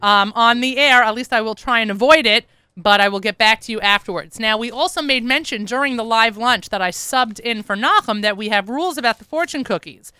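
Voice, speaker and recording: A woman's voice: fairly high pitch, brisk, sharp tone, clean tone, no room sound. A woman hosting her weekly radio show in a studio, chatting in an upbeat, self-deprecating way while sounding worn out after an early start. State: tired. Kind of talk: casual radio chat. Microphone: studio microphone.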